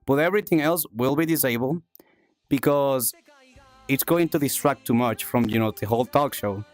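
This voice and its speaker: A streamer and talk show host from South America, medium in pitch and moderate in pace, chats with livestream viewers over soft background music, with no echo on the voice. His chest congestion brings on coughs while he upbeatly repeats himself and warmly thanks the audience.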